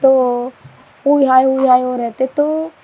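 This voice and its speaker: A young widow quietly recounting a killing she witnessed, speaking softly and haltingly and repeating herself. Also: high-pitched, fairly even intonation, husky, low-quality recording. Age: young adult. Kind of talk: tearful eyewitness account.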